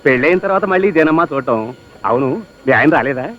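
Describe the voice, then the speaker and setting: An actor playing a smug, talkative temple priest in a film comedy. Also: male voice, medium pitch, lively intonation, fast, lo-fi sound, natural voice. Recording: loud film score behind.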